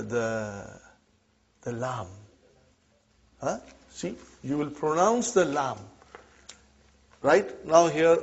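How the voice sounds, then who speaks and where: Husky, slow-speaking male Arabic teacher. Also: fairly high pitch. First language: not Arabic. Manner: checks in often with "huh?" and "okay?". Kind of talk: classroom lesson. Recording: dull lo-fi classroom recording.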